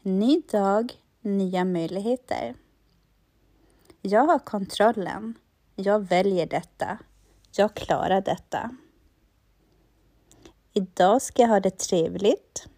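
Woman guide for affirmations, unhurried and soothing, dark mellow voice, dry recording. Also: medium pitch, no room sound. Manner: slow, calm, repeats lines for the listener.

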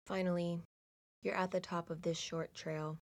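A woman narrating a guided meditation slowly and soothingly, in a hushed delivery with long pauses. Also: fairly low pitch, little pitch movement.

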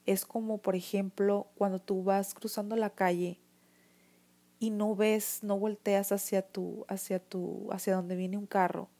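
With a medium pitch, flat delivery, and slightly slow pace, this woman's mellow voice carries a Mexican accent. She's a vlogger sharing her experience to camera, emotional and earnest, with many restarts and "o sea" fillers.

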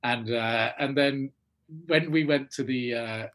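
An English man, an actor, telling a lively anecdote in a casual interview and acting out the other people's lines. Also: mid-range voice, slow pace. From England. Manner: animated storyteller acting out quoted voices. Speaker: actor guest.

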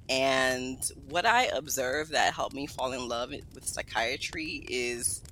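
A woman's voice: low voice, a little hiss or hum, poor audio. A woman in her thirties from Guyana and Brooklyn, a psychiatrist speaking as a podcast guest in an upbeat, good-humored way. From Guyana, raised in Brooklyn, New York. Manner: upbeat, lively, laughs easily. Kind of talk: podcast interview.

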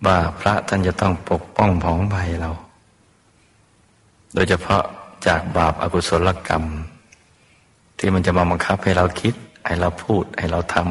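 A man, a Buddhist teacher, gently guiding a meditation and calling his listeners his children. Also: deep voice. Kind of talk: guided meditation sermon. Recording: long hall reverb.

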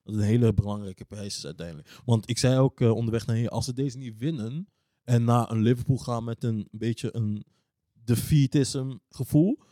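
Young man explaining, mid-pitched, close dry sound. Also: moderate pace, warm tone, no echo. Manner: explanatory, informal with English loanwords. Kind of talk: casual football discussion.

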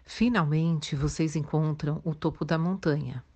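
A Brazilian woman leading a guided meditation in a soothing, gentle way, leaving long pauses. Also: deep voice, fairly even intonation, husky. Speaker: guided meditation instructor for children and teenagers.

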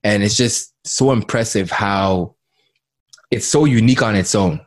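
A podcast host with a fairly low voice conducts an interview at an unhurried pace. His questions ramble, and he keeps circling back to repeat his words.

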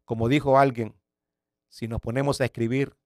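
A man in his fifties, an evangelist pastor, tells his testimony as a dramatic story. He repeats words for emphasis and moves between loud bursts and hushed near-whispers. His voice sits mid-pitch and sounds dry, with no room echo. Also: level tone, moderate pace. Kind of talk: personal faith testimony.

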